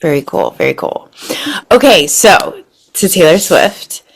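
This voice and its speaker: A woman's voice: on the low side, animated, unhurried, creaky, breathy edge. A woman hosting a casual podcast interview, chatty and encouraging, with lots of fillers. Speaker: podcast host.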